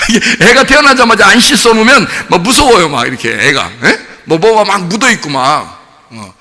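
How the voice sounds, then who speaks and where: A man preaching in a church, his voice echoing through the hall with a long tail of reverb. He sounds bright and high, and his pitch rises and falls a lot. He keeps turning to the congregation with playful questions, then answers them himself. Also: big pitch swings, moderate pace. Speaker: pastor. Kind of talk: sermon.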